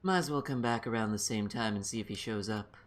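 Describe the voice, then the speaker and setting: A man's voice: lowish voice, fast. A man casually playing through a video game on stream, reading its text aloud and muttering asides. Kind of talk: let's play commentary, reading game text.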